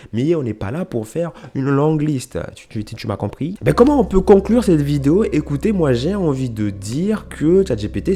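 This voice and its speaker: A man's voice: a little high, dark tone. A young man hosting a casual, comedic explainer video, rambling into jokes and self-mocking asides. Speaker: storytime YouTuber.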